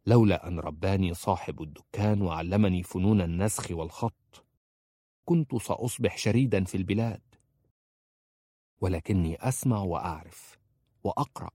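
A man's voice: sits low, normal speed, long pauses, dark tone, no room sound, studio quality. A man voicing an earnest young bookseller. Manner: earnest, respectful pleading. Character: young orphan male bookseller, polite and persistent. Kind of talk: audiobook character voice.

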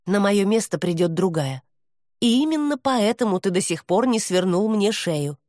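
A woman voicing a stubborn young priestess who talks in a sharp, defiant way in an audiobook. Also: mid-range voice, lively intonation, normal speed, no echo, studio quality, pitched above the performer's own voice, natural voice. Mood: challenging.

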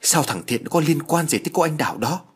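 A man voicing a blunt young woman who exclaims in rapid bursts in an audio story. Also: fairly high pitch, animated, breathy edge, pitched above the performer's own voice. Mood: agitated.

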